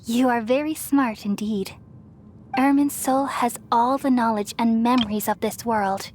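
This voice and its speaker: A woman playing a gentle, self-sacrificing ancient goddess in a video game, speaking in solemn, measured, poetic phrases. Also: fairly high pitch, steady tone, slight background noise, lightly acted. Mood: calm, resolute. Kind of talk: scripted dramatic game voice acting. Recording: music behind the voice.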